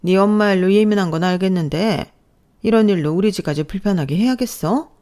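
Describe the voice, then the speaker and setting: A woman's voice: medium pitch, a little fast, mellow, lightly acted. Woman voicing a scornful older mother-in-law. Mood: scornful scolding. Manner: contemptuous, scolding.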